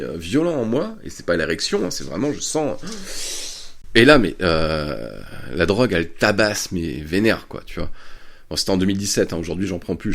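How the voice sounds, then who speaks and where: A man hosting a podcast, telling a crude story in a chatty, casual way and laughing often. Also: deep voice. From France. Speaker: podcast host. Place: Bordeaux area.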